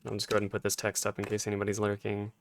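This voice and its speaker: A man's voice: lowish voice, monotone, very fast, gravelly, a little hiss or hum. A man streaming a game with casual live chat, in a playful, jokey manner.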